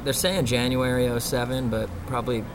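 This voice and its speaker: A band musician answers interview questions in a loose, rambling way, full of fillers and "you know." His voice is medium-pitched and level in tone, and he speaks briskly against a noisy background.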